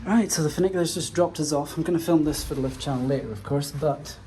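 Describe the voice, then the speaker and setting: Young man, transport vlogger, chatty, enthusiastic, echoey lift, loud background noise. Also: fairly high pitch, quick pace. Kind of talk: casual on-location commentary. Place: lift inside a mountain station.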